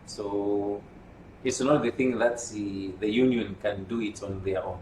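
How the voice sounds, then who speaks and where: Low-voiced man in a roomy, noisy space. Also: fairly even intonation, a little mellow. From Malawi. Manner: measured, explanatory, with hesitations. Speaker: union secretary general. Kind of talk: interview answers. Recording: roomy, distant mic with noise.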